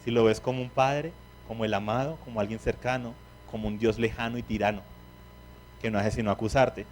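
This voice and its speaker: A man's voice: fairly low pitch, fairly even intonation, brisk, darkish tone, a little hiss or hum. A man preaching a sermon, who asks the congregation questions and acts out the words of biblical figures.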